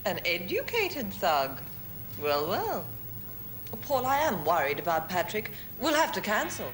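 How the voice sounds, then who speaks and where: An actress playing a cool, glamorous actress wife with an arch drawl. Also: female voice, mid-range voice, wildly swooping pitch, a little slow, a bit bright, faint music behind, poor audio.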